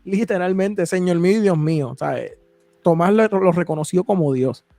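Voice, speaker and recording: A man's voice: sits high, moderate pace, vocal fry, dark tone, no room sound. A man hosting a casual Bible discussion podcast, reading scripture aloud and explaining it with rhetorical questions. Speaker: podcast host.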